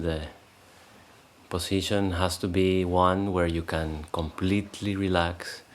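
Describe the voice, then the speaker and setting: Calm low-voiced man guiding meditation. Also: a little hiss or hum. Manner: calm, unhurried, pausing often with fillers and restarts. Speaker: meditation teacher. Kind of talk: guided meditation. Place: meditation space in Costa Rica.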